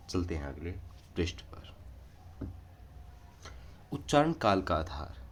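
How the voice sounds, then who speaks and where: A man giving a casual online grammar lesson, explaining patiently and pausing on filler sounds, recorded indoors near a railway line. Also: deep voice, a little hiss or hum. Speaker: Hindi grammar teacher.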